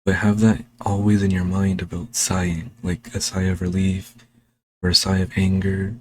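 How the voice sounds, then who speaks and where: A man slowly explaining a speaking technique in a casual home tutorial, recorded on a desk microphone. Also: sits low, completely flat delivery, darkish tone. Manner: slow, unhurried, talking while demonstrating. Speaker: language learning vlogger.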